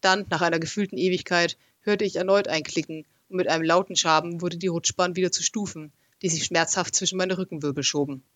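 A man races through a first-person adventure story in audiobook fashion, a little fast and with hardly any pauses, sounding lively and expressive. His voice is fairly high for a man, and the close, dry recording has no echo or room sound.

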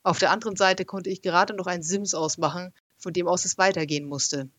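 A man narrates a first-person adventure story like an audiobook, telling it in a lively and expressive way. His voice is fairly high for a man. The recording is close and dry, with no room sound. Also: brisk, dry recording.

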